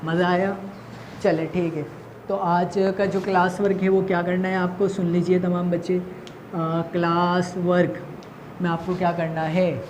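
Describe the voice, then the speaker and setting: A woman teacher with a Pakistani Urdu accent talks through a recorded lesson for children in a fairly low voice. She repeats key points and answers her own questions. A faint noise runs under the recording. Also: flat delivery, darkish tone.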